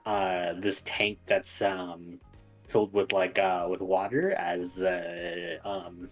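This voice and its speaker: A man working as game master, improvising tabletop game narration in a halting way with pauses mid-sentence. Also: low voice, soft background music, low-quality recording.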